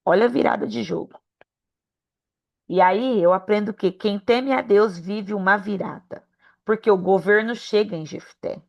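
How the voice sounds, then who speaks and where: A woman with a Brazilian accent giving a sermon-style Bible lesson, telling stories in a lively way and acting out other people's words. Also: unhurried, vocal fry, dull audio. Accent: Brazilian Portuguese. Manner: lively storytelling, acting out quoted voices with big pitch jumps. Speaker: preacher teaching a Bible lesson.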